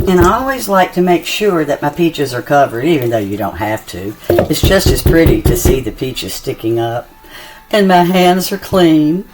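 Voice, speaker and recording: A middle-aged woman chatting homely through a cooking demonstration in her home kitchen, tasting as she goes. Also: low-pitched. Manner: chatty and homey, talks while tasting. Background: soft music and kitchen clatter.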